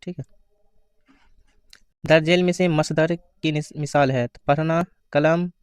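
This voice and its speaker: A man giving an exam-prep grammar lesson, asking questions and answering them himself, reading out the answer options slowly. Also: on the high side, fairly even intonation, clean tone, no room sound. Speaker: teacher.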